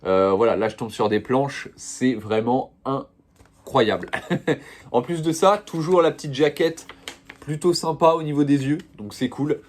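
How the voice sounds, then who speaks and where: A man's voice: on the high side, normal speed. A young man showing off his manga purchases in a casual, slangy, rambling chat full of fillers. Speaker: manga vlogger.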